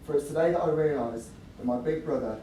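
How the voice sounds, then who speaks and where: A man in his twenties giving a wedding toast to guests as best man, jokey and a little halting. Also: a little high, warm tone. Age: 20s. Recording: roomy, distant mic, noisy venue.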